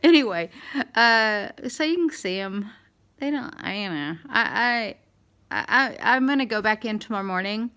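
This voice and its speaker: A middle-aged woman with a slight lisp, talking candidly in a halting, rambling way as in a casual video diary. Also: mid-range voice, expressive, bright, forceful tone, clear, resonant tone. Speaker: dental implant patient vlogger.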